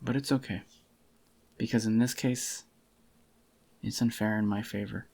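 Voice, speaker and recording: Murmuring with adoring possessiveness, a man plays a yandere boyfriend in a quiet ASMR roleplay, sounding intimate and tender as he soothes his sweetheart. His voice runs low, husky, and a bit groggy with a crackly fry, held at a steady tone and a slightly slow pace.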